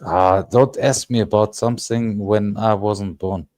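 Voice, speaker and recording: A man, speaking English as an in a casual panel chat and often pausing to search for words. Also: lowish voice, fairly even intonation, a little mellow, no echo, studio quality. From Germany. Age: 30s. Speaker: panel guest.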